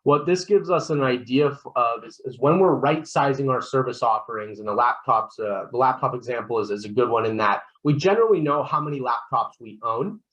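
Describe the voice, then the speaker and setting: A man presenting a software product walkthrough on a webinar. He explains steps one by one, keeps checking in with "right?", and often restarts his sentences. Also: mid-range voice, fairly quick, hardly any pauses, muffled recording. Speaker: solution consultant presenting a software demo.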